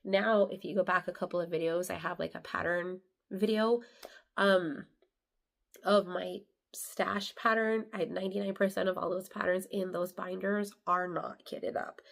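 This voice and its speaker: A woman's voice: medium pitch, creaky. A young woman with a congested voice, chatting casually about her craft hobby with lots of fillers. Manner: rambling, filler-heavy, chatty. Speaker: crafting vlogger. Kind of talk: casual chat.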